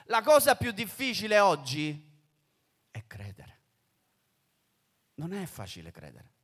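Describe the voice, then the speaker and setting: A male preacher delivering a sermon. His voice is slightly high and his pitch moves very widely. He swings from loud, urgent phrases to hushed near-whispers. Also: wildly swooping pitch, slow pace.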